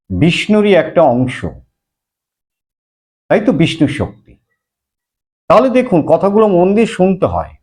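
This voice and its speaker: A high-voiced religious teacher speaks slowly yet lively as he explains scripture. He recites verses, then explains them, and chants mantras at a slow pace.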